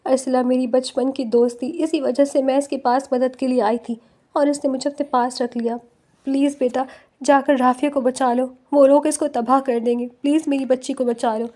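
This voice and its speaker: A woman's voice: high voice, steady tone, dark tone, lightly acted. A woman voicing a desperate middle-aged mother who tearfully tells her story in an audio novel. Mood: pleading. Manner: tearful, pleading.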